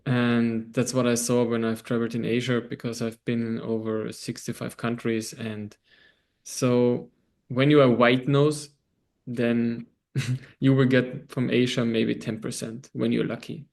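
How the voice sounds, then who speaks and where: A man from Austria with a German accent, a guest on an online interview, talking loosely with pauses and frequent laughs. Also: mid-range voice, level tone, gravelly, a little mellow. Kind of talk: casual interview over video call. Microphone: video call.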